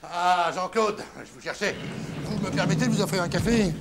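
A man's voice: high-pitched, moderate pace, noisy background. A man acting in a comedy sketch, smarmy and overly polite. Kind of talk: sitcom acting.

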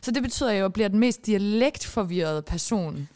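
A woman's voice: mid-range voice, expressive, a little mellow. A woman in her twenties from Denmark, Icelandic by first language, co-hosting a podcast in a rambling, giggly, self-mocking chat. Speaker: podcast co-host. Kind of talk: casual chat.

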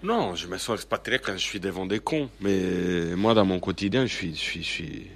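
A man's voice: low voice, lively intonation, normal speed, fairly bright tone. A man from Sardinia, a chef giving strong opinions as a guest in a radio interview. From Sardinia, Italy. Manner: emphatic, opinionated, with many hesitations.

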